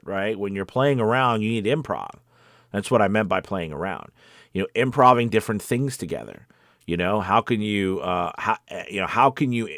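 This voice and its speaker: A man with a fairly low voice hosts a coffee-time livestream about voice acting, where he, a voice actor, talks casually and encouragingly. His style is earnest, conversational and rambling, and the studio sound is clean with no echo.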